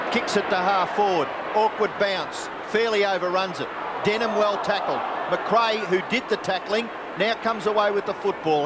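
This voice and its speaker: An Australian man calling a football match live as play-by-play commentator. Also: high voice. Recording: roaring stadium crowd, very noisy broadcast. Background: loud crowd.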